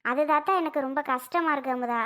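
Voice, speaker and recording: Lady playing a worried old village mom, high voice, keeps fretting. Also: a little fast, fairly bright tone. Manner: fretting, lamenting. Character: older village mother, anxious and doting. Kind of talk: cartoon voice acting.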